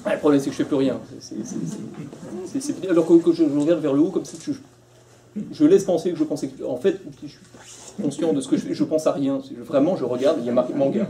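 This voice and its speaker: Teaching a philosophy class live, a man speaks freely in a conversational way, often restarting sentences and acting out short quotes. His voice is fairly high, quick, and warm, with a little background noise.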